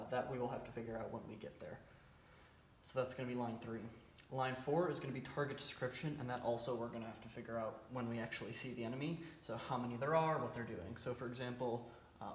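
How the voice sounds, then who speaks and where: A man with a mid-range voice explains a military drill informally. He is plain-spoken and slightly hesitant, going step by step. The sound is roomy, with light noise behind him. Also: medium pitch. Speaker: military cadet team instructor. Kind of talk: informal instructional briefing. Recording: roomy echo, faint background noise.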